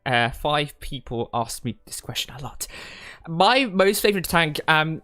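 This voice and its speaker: A young Hong Kong gaming streamer and tournament commentator chats casually through a livestream Q&A from his desk, hesitant and rambling with many repeated words. His fairly high, expressive voice moves at a measured pace with a sharp tone, in studio quality with no room sound.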